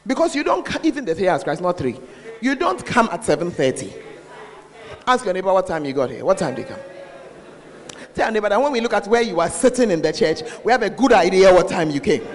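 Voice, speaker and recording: Male Ghanaian preacher, very high voice with lively swings, scolding a congregation through a face mask in a long, reverberant hall. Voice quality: slightly muffled by a face mask. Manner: scolding, questioning listeners directly. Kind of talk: sermon to a congregation. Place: large reverberant church.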